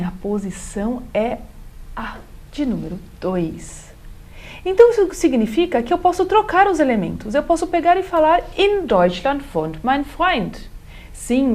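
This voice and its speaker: A woman with a Brazilian Portuguese accent giving an online German lesson, explaining step by step and saying example sentences slowly. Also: fairly high pitch, darkish tone. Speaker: German teacher.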